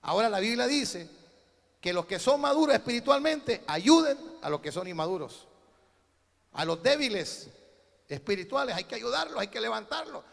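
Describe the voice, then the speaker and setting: Gravelly high-voiced preaching pastor. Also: male voice, very animated, moderate pace, fairly bright tone, big-room sound. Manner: preaching with rhetorical questions and call-and-response. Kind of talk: sermon.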